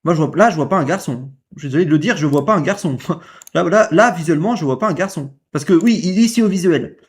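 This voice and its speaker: A man with a fairly high pitch speaks fast and animatedly as he comments casually on a clip. His tone is indignant, his lines repetitive, and he peppers the talk with rhetorical questions.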